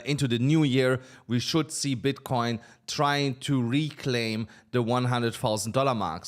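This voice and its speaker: A crypto market analyst hosts a casual talk about charts, sounding hesitant and using many fillers along with slightly non-native phrasing. His voice is mid-range, and he seems a little unwell and low on energy.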